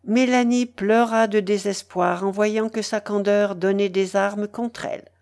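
A woman narrating a classic novel aloud in an expressive storytelling manner. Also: medium pitch, unhurried. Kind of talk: dramatic reading of a 19th-century novel.

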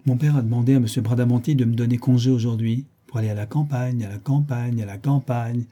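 A man's voice: mid-range voice, flat delivery, fast talker, mellow, slightly rough, close to an everyday voice. A man voicing an impudent, limping young street boy with a sing-song delivery.

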